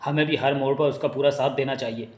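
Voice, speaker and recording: A man's voice: medium pitch, fairly even intonation, fast, a little mellow, close to an everyday voice. A man voicing a fat, simple-minded male king who talks naively. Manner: naive, whiny. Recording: echoey room.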